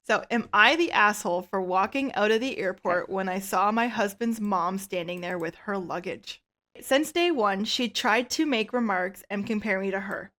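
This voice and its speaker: A woman co-hosting a casual podcast, reading listener stories aloud and giving relaxed, opinionated takes that often trail off quietly. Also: a little high. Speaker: podcast co-host.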